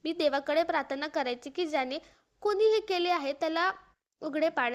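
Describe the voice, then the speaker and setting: A woman tells an emotional first-person story in an earnest, mournful voice. Her voice sits high and carries the sorrow steadily.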